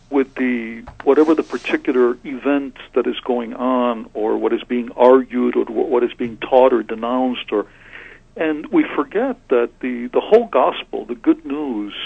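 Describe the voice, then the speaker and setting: A Trappist monk and author in his sixties, originally from Cuba, gives thoughtful interview answers in a soft-spoken, reflective way, hesitating and restarting his sentences often. His medium-pitched voice is gravelly and a little husky, heard over a thin, phone-like line that sounds dry and close, with no echo.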